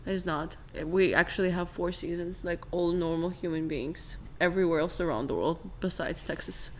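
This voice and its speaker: A woman's voice: fairly low pitch, normal speed, a little hiss or hum. A young woman from Ukraine co-hosting a reaction channel, chatting in a playful, wry way. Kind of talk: casual chat.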